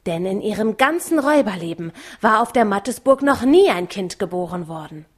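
A woman narrating a children's novel as an audiobook, calm and measured. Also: mid-range voice. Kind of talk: audiobook reading.

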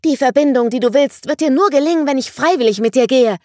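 Woman voicing a high-voiced young girl. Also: unhurried, fairly bright tone, no room sound, studio quality. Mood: defiant. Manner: high, pleading and defiant. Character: frightened young girl with great power.

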